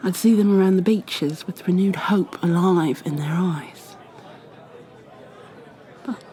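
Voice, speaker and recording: In an ASMR roleplay, a woman takes on the part of a kind, talkative tavern keeper. She rambles softly with fillers and occasionally drops into whispers. Her pitch is medium and the acting is light.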